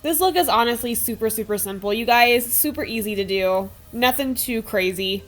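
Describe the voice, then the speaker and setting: Soft music plays behind a twenty-something beauty vlogger whose voice sits on the high side at a moderate pace. Nasal from a cold, she chats cheerfully through a makeup tutorial, saying "like" and "super" a lot, in a small home room with a sparkly backdrop.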